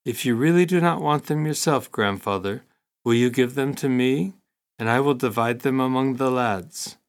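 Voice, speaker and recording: A man's voice: mid-range voice, moderate pace, natural voice. A man reading the lines of an eager, bold boy prince in an audiobook, lifting his voice a little and speaking earnestly. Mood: pleading.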